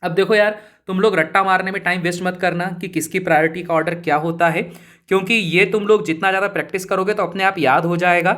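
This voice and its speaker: Teaching chemistry in a loose, chatty style, this man quizzes his students and then supplies the answers himself, calling them brother and buddy throughout. His voice is high and a bit bright, with a steady tone and a fast pace. It's a casual spoken lesson.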